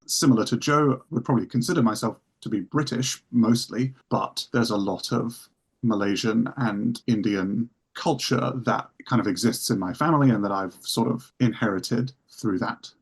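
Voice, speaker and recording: A man's voice: mid-range voice, moderate pace, creaky, husky. A man from the UK, a podcast guest, talking in an easygoing, plain way. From United Kingdom. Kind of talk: casual chat.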